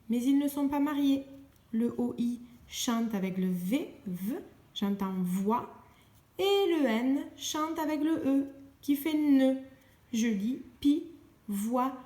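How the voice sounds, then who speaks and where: A woman teacher with a high, light voice walks young children through their homework, sounding out each letter and syllable with slow patience. The room around her is echoey. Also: darkish tone. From France. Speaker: primary school teacher.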